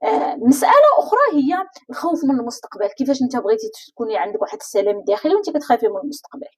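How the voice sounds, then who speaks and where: A woman with a Moroccan Arabic accent gives a motivational coaching talk at a very fast clip. Her voice sits high and swings widely in pitch. She speaks straight to the listener and keeps asking rhetorical questions. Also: sing-song, darkish tone, slightly rough. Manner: addresses the listener directly, many rhetorical questions. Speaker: life coach.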